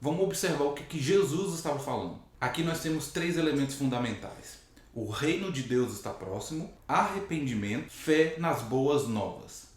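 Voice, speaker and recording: A hoarse man gives a Bible teaching straight to the camera. He keeps restating each point and checks in with listeners as he goes. His voice sits at an ordinary middle pitch, and it rings around a very echoey room. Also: expressive, normal speed. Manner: explanatory, rephrases points and asks "né?".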